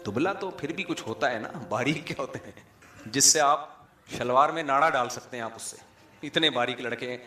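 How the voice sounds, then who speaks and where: A man's voice: mid-range voice, bright, forceful tone. A middle-aged man, an Islamic scholar giving a humorous sermon with chatty storytelling and asides to a live audience. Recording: echoey hall, faint music.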